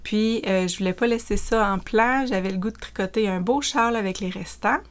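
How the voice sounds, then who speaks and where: Québécoise lady chatting about her knitting, relaxed, lots of little fillers. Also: medium pitch, fairly quick. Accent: Quebec French. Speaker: knitting vlogger. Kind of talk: casual show-and-tell chat.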